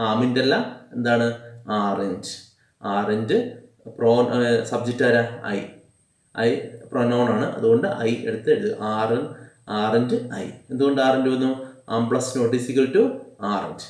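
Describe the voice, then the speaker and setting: A man with a Malayali accent teaching English grammar, drilling examples slowly and asking the class questions. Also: medium pitch. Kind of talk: classroom-style grammar lesson. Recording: echoey room, a bit far from the mic.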